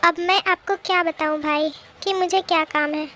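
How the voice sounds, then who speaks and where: In a fan-made drama dub, a woman plays a timid, easily scared young woman who pleads and mumbles to herself anxiously. Her voice is very high, bright and forceful, with a steady tone at a moderate pace. There's a slight hiss or hum in the background.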